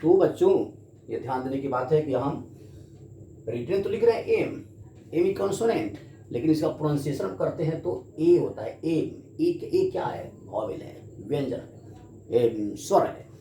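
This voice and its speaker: A slow-talking man teaching a grammar lesson, his pitch rising and falling a great deal. He keeps asking the class questions and then answering them himself. His voice rings in an echoey room with some faint noise behind it. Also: expressive, warm tone. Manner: addresses students, asks and answers his own questions.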